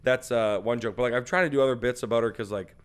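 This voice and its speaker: A man's voice: medium pitch, quick pace, clear, resonant tone. Rambling, profane male comedian storyteller. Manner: slips into animated impressions and laughs mid-story. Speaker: comedian guest. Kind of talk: casual podcast chat.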